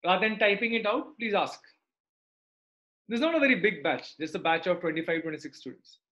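A man's voice: high-pitched, a little fast, sharp tone. A middle-aged man with a South Indian accent teaches a live online maths lesson. He explains step by step and often checks that students follow with short tag questions. The sound is dull and lo-fi, like a computer mic on a video call.

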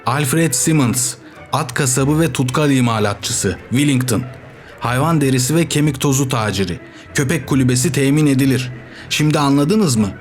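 A man's voice: medium pitch, moderate pace, soft background music, voice pushed up, close to an everyday voice. Benjamin, a man doing an old alarmed donkey. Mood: urgent. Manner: urgent, shouting. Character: old cynical male donkey, gruff.

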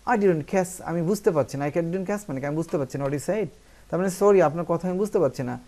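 A man from Bangladesh teaching spoken English, explaining in Bengali and reading English phrases slowly with many hesitant fillers. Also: fairly high pitch, warm tone. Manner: frequent "ah" fillers, asks "ঠিক আছে?".

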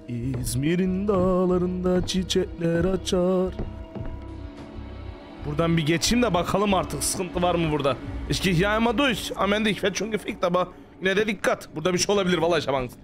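A man's voice: sits high, animated, fast talker, over music. A man giving panicky, jumpy let's play commentary on a horror game, full of sworn exclamations. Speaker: gaming streamer.

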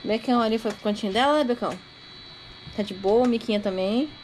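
A woman's voice: a little high, brisk, darkish tone, slight background noise, poor audio. A woman in casual baby talk to her pets at home, cooing and repeating pet names in a sing-song way. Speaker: vlogger talking to her pets. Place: home with dogs around.

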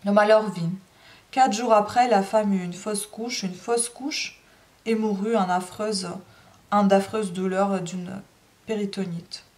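A woman reading a classic novel aloud in a steady narrating voice, with small restarts now and then. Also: mid-range voice, slow pace. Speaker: audiobook reader.

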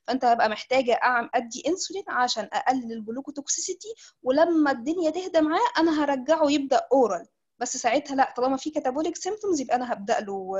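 A woman with an Egyptian Arabic accent giving a medical lecture over a video call. She explains step by step and often restarts her sentences. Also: a little high. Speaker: doctor giving an online lecture. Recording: slightly dull lo-fi call audio.

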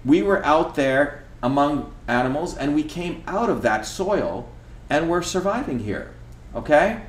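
A man's voice: a little high, sing-song, unhurried. A middle-aged man from India, talking while he cooks in his home kitchen, emphatic and lecturing, often asking "okay?" to drive his points home. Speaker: host. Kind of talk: casual talk while cooking. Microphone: camera across the kitchen. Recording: echoey kitchen room.

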